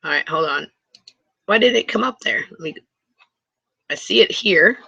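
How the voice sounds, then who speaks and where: A woman from Wisconsin chatting live with viewers from inside her motor home. She rambles and restarts often and gets excited easily. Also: medium pitch, moderate pace, gravelly, slightly rough, dry recording, lo-fi sound. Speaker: live stream host. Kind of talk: casual live chat with viewers. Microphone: computer mic for a video hangout.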